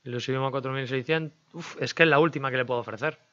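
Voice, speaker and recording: A man's voice: mid-range voice, fairly even intonation, very fast, sharp tone, highs cut off. A man giving casual, chatty commentary as he plays a management game, talking to himself and his viewers. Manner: chatty, talks to himself and viewers while negotiating. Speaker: gaming YouTuber.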